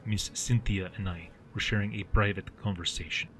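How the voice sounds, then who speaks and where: A man voicing a calm, imposing Egyptian general with a deep, rumbling Arabic accent and measured, formal speech. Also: a little hiss or hum, natural voice. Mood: pointed. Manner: measured, formally polite, pointed.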